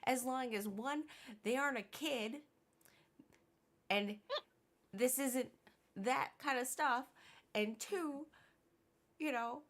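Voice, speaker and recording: A woman chatting casually on a live stream, reasoning slowly with fillers. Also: sits high, a bit bright. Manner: slow, thoughtful reasoning with hedging fillers. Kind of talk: casual chat.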